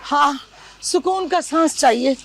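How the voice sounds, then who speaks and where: Brief: nagging mom, high and gravelly, grumbling over score. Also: female voice, a little slow. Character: nagging older mother. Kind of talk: TV drama acting.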